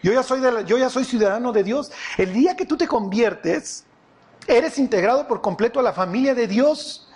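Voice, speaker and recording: A man preaching a sermon, animated and often quizzing his audience with questions. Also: very high-pitched, normal speed.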